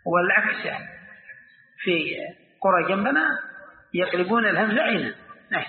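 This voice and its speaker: A high-pitched man gives a classroom lesson, quizzing his listeners and repeating each important phrase. His voice comes through tinny and phone-like, and it rings with the long reverb of a large hall. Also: expressive, fairly quick. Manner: repeats key phrases, asks students questions. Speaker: sheikh teaching Quran commentary. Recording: tinny, echoey hall recording.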